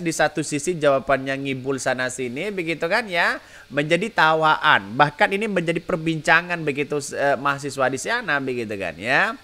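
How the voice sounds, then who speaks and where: A man's voice: on the high side, pushed and bright. A man hosting a solo political commentary podcast, talking in a mocking tone and tagging nearly every phrase with filler. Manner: mocking, with repetitive filler tags.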